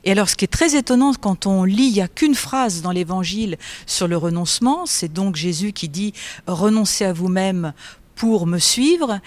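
Woman, French accent, soft-spoken, thoughtful, explanatory, medium pitch, book fair interview. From France. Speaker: guest author, nun and theology teacher. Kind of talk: interview conversation.

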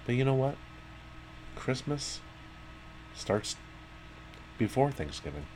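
A man hosting a company podcast in a playful, deadpan, joking chat. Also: mid-range voice, slow, a little hiss or hum, poor audio. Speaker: podcast host.

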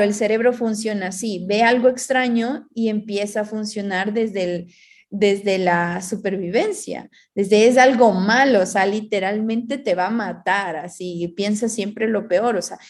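A woman's voice: mid-range voice, fairly even intonation, normal speed, darkish tone. A woman in casual reflective conversation, explaining ideas through everyday analogies and acting out inner voices.

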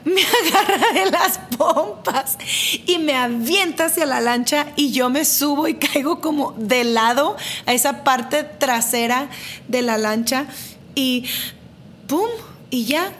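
A woman's voice: high-pitched, a little hiss or hum. A woman, casually telling a personal story to camera, dramatic and self-mocking, repeating phrases for emphasis. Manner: lively, dramatic retelling with self-deprecating laughs.

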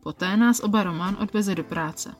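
A woman's voice: mid-range voice, faint music behind. Woman narrating an intimate story. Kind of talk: first-person erotic story narration.

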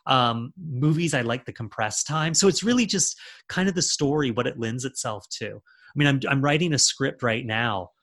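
A man's voice: mid-range voice, normal speed, a bit bright. A man talking as an author and screenwriter in a casual interview, rambling with lots of fillers and restarts.

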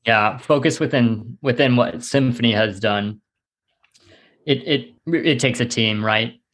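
A man speaking as a real estate investor guest in a casual interview, explaining in a measured, matter-of-fact way. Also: mid-range voice, fairly bright tone.

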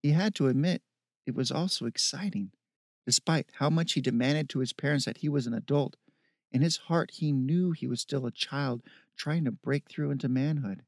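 A man narrating a story in a steady, measured reading. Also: medium pitch, no echo, clean studio sound. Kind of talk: audiobook narration.

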